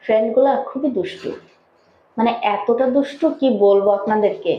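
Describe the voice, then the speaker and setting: A woman's voice: a little fast, slight background noise. A woman vlogging at home, chatting to her viewers and coaxing her pet birds in a sing-song voice. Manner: coaxing, sing-song baby talk to the birds, rising high when calling them. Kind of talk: casual vlog chat, talking to her pet birds. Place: home, indoors. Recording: echoey room, dull lo-fi sound.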